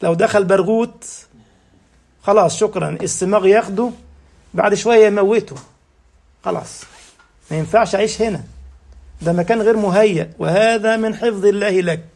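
A man's voice: high voice, brisk, creaky, long pauses, a little mellow. A man with an Egyptian accent giving a sermon, who keeps asking the congregation rhetorical questions and answering them himself. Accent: Egyptian Arabic. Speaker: preacher.

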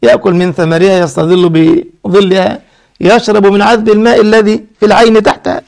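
A man preaching with an Egyptian Arabic accent, telling a story in an animated way, acting out its dialogue and adding colloquial asides. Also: high voice, fast talker, creaky. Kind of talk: sermon storytelling.

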